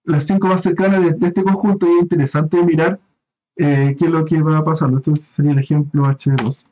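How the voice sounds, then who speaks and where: Lecturer, slightly high voice, dull audio. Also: male voice, level tone, brisk, mellow. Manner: explanatory, many fillers and restarts, checks in with "¿ya?". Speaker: university lecturer. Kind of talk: recorded online class lecture.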